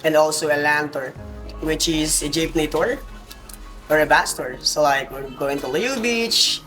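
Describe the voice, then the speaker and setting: A man's voice: a little high, unhurried, pushed and bright, soft background music, poor audio. A man in his twenties, a tour guide, answering interview questions in simple, slightly broken English. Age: 20s. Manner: simple, non-native English phrasing.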